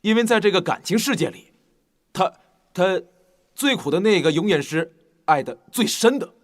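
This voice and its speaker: A glib, lecturing adviser. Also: male voice, high-pitched, animated, moderate pace. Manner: lecturing, preachy, cocky. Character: glib male adviser, fancies himself a love expert.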